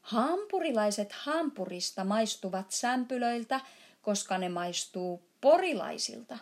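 A big friendly giant voiced by a woman rumbles and booms through a storybook reading, tripping over his own words. He is muddled and good-natured, prone to sudden shouts. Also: lively intonation. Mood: booming muddled. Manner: jumbled grammar, booming shouts.

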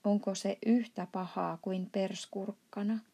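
Brief: woman reading a polite questioning little girl, slightly raised, husky storybook voice. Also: medium pitch, steady tone, warm tone. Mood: curious.

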